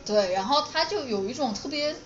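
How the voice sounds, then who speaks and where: A talkative woman with a fairly high voice chats casually as a show's co-host, slipping in English words. Her sound is dull and echoey, with music clearly playing behind her. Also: expressive, brisk. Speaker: co-host of a music and film talk show. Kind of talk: casual chat.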